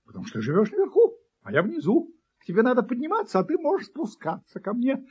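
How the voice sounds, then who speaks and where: A man's voice: extremely high pitch, wildly swooping pitch, quick pace, darkish tone, husky, pitched above the performer's own voice, exaggerated voice. A man voicing a cheeky, playful male puppy in a storybook reading, brash and eager to argue. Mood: insistent. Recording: dull lo-fi recording.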